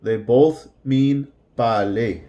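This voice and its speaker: A man teaching a slow, deliberate English lesson, repeating words clearly for learners. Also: mid-range voice, dark tone, lo-fi sound.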